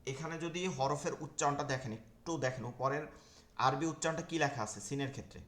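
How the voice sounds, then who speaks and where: Speaking fast at a medium pitch, this male Quran pronunciation teacher keeps his intonation fairly even and his tone fairly bright, and the room sounds spacious. Online, he explains step by step where the tongue and teeth go, saying each Arabic letter sound over and over.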